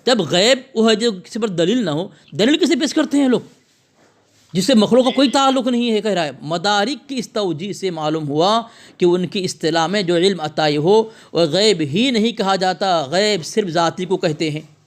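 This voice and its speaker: This religious debater is on a phone call, making combative, abusive, lecturing arguments and repeating himself for emphasis. He speaks at a moderate pace in a high-pitched voice with lively intonation.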